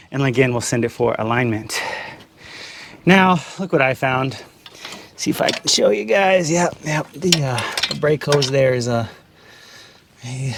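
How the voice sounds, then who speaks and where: A man chatting casually while working on a truck in his garage, laughing often and a bit out of breath. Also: fairly high pitch. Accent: Californian English. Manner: chatty, laughs often, calls viewers guys. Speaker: garage vlogger. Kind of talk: casual how-to narration. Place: home garage.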